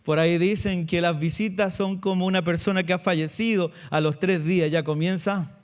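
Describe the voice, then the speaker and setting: High-voiced man preaching a sermon. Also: fairly even intonation, normal speed, smooth. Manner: preaches with rhetorical questions to the congregation. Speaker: pastor.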